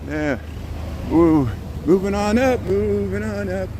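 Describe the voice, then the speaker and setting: A chatty man from the American Midwest hosts a walking livestream, rambling from one thing to the next and laughing often. His voice sits a little high. Traffic and city noise come through clearly from the street behind him. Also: takes it slowly. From Indiana, US Midwest. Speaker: livestream host. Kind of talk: casual walking livestream chat. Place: outdoors on a busy city street.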